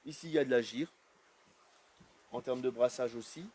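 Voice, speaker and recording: A man's voice: medium pitch, moderate pace, darkish tone, slight background noise. A man giving a casual live walkthrough of an aquarium shop, chatting loosely with plenty of fillers as he walks around. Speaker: aquarium shop tour host.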